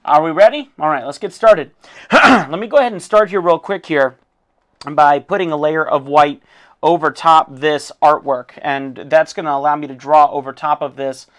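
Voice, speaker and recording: In what sounds like a recorded art lesson, an art teacher who is losing his voice critiques a student's drawing. His hoarse, fading voice is fairly high for a man and a bit bright, at normal speed, and his informal, encouraging talk is full of fillers.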